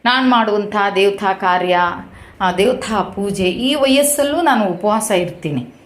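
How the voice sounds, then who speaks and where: A woman's voice: mid-range voice, animated, measured pace. A woman from Uttara Kannada retelling a temple visit in a casual storytelling monologue, acting out the people she quotes. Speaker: vlogger recounting a temple visit.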